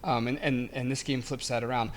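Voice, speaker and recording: A man's voice: mid-range voice, steady tone, brisk, slight background noise. A man co-hosting a gaming podcast, talking in a rambling, casual way, with lots of restarts and casual swearing. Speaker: podcast co-host. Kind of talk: casual chat.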